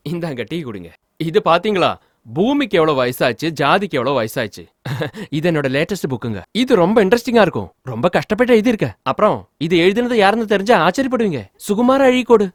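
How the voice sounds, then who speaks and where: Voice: mid-range voice, animated, brisk, no echo, clean studio sound, lightly acted. An actor playing a jovial, self-pleased author who laughs as he talks, in dubbed film dialogue. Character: chuckling jovial author, proud and chatty.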